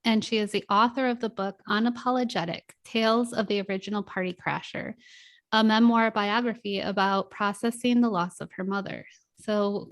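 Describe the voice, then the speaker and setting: A woman co-hosting a podcast, reading a scripted introduction and then asking the guest easy questions. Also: mid-range voice. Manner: reads the intro smoothly, then asks relaxed questions. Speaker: podcast co-host.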